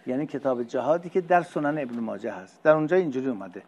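A middle-aged male religious teacher who reads Arabic phrases slowly and then explains them in casual conversational speech. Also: medium pitch, lively intonation, darkish tone, dull audio. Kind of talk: lecture explaining Arabic hadith text.

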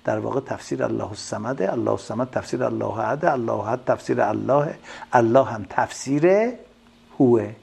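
A man's voice: mid-range voice, vocal fry, darkish tone, breathy edge. A man giving a religious lecture as a preacher, who keeps asking rhetorical questions and answering them himself.

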